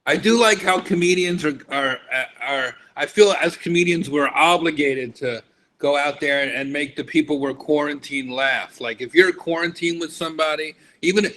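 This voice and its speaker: A man, a roast comedian trading deadpan one-liners and quick jabs in casual banter. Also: on the high side, low-quality recording.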